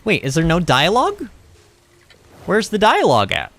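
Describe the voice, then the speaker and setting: A man's voice: high-pitched, wildly swooping pitch, normal speed, creaky, a bit bright. A young man chatting casually while livestreaming a video game, rambling, laughing often and reading chat messages aloud. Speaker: streamer. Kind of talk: livestream gaming commentary.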